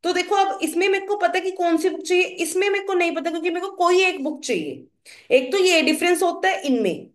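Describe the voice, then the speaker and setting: High-voiced woman teaching a lesson. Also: animated. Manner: explains slowly, asks the class questions. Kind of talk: classroom grammar lesson. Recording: echoey room.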